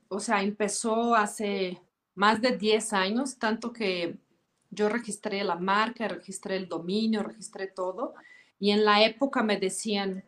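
A woman's voice: mid-range voice, a bit bright. Brazilian guest, a woman with a mid-range voice, easygoing. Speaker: guest, former model and influencer. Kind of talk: casual interview chat.

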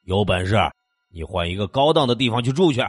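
A man voicing a rude, menacing male neighbor who shouts crude threats through a closed door in a spoken horror story. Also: fairly low pitch, animated, fast talker, no room sound, clean studio sound, soft background music. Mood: snarling.

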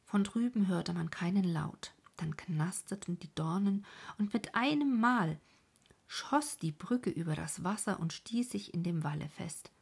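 A woman's voice: on the low side, expressive, unhurried, gravelly, husky. A woman narrating a historical novel as an audiobook, often dropping to a half-whisper.

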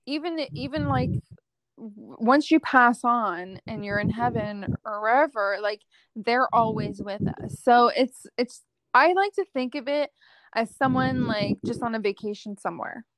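A young woman speaks as a guest on a talk show, telling stories in a casual way. She brings them to life by acting out the voices of the people in them. Her voice sits fairly high, and the sound is dry and close. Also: unhurried, no room sound. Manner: lively, acts out quoted dialogue. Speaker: psychic medium guest. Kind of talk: casual storytelling chat.

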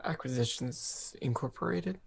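A man with a gravelly, husky voice, bantering casually as a tabletop game player. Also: medium pitch, moderate pace.

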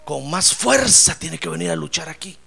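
A man preaching a sermon, telling comic stories and breaking into loud shouts of praise. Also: on the high side, animated, normal speed, creaky, slightly rough. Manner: comic storytelling, bursts into shouting.

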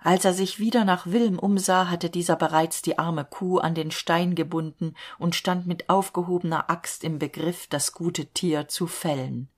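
Woman reading an old fairy tale aloud, measured, kinda low voice. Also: fairly even intonation. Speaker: narrator.

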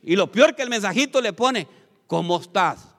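Animated preaching man in an echoey hall. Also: extremely high pitch, fairly quick. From Honduras. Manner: animated, calls out to the congregation, joking asides. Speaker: pastor. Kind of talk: lively sermon to a congregation.

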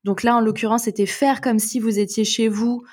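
A woman hosting a podcast interview, asking questions and calmly rephrasing the guest's points. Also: on the high side, moderate pace, husky. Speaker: podcast host.

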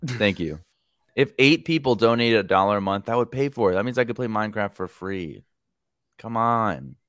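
A man's voice: lowish voice, expressive, normal speed, a bit bright, no room sound, studio quality. A man hosting a casual podcast, joking and steering the segments. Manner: joking, playful, runs the show segments. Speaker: podcast host.

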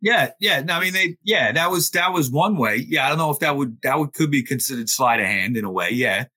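A man hosting a podcast, reading a letter aloud slowly and then asking his co-hosts questions. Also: medium pitch, lively intonation, sharp tone. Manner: reads quotes aloud slowly, then asks the group questions. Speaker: podcast host. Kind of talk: casual podcast discussion.

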